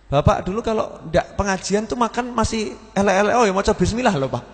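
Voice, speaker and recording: A man's voice: high-pitched, animated, fairly quick, in a large hall, pitched above the performer's own voice. A male preacher voicing a fussy, devoted wife who chides and pleads with her husband. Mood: fussing. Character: nagging devoted young wife, fussing woman.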